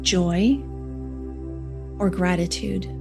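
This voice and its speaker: A woman reading a guided meditation softly and soothingly, in short unhurried phrases with long pauses. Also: on the low side, vocal fry. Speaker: live stream meditation host. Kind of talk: slow guided meditation, read from a script. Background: New-age music.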